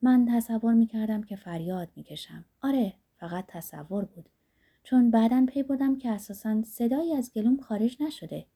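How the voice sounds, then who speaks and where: A woman narrating a novel as an audiobook, measured and dramatic. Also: fairly high pitch, dark tone, husky. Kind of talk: literary audiobook reading.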